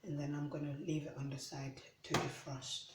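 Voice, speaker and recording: A woman's voice: deep voice, normal speed. A woman from Uganda casually narrating her kitchen prep in a vlog, walking through each task step by step. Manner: relaxed, chatty, narrating tasks step by step. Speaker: vlogger. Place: home kitchen. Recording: echoey room, mic at a distance, noisy background.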